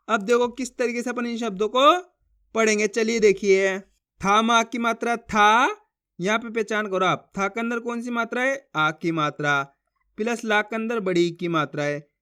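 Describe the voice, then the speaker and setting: Bright, clear-voiced male Hindi teacher. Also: very high-pitched. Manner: drawn-out syllables when sounding out words; asks viewers to read along with him. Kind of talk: spoken lesson for beginners.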